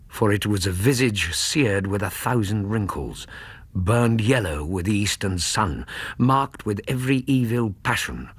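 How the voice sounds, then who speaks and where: A man acting a detective's doctor companion who narrates a radio drama in a husky, measured, literary way. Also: low voice, no echo, full character voice.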